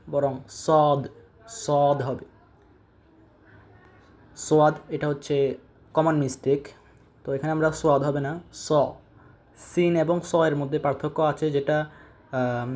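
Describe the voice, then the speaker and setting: A man's voice: a little high, a little mellow. A man teaching Arabic letter pronunciation in Bengali, patiently repeating each sound for learners. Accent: Bangladeshi Bengali. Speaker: Quran reading teacher. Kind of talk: step-by-step lesson on Arabic letters.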